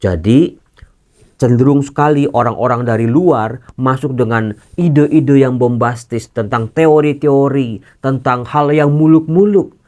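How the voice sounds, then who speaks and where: A man's voice: medium pitch, a little slow, a little mellow. A man, a priest teaching scripture in a sermon, earnest and direct, slipping casual asides into formal teaching. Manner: earnest, addresses listeners as brothers and sisters.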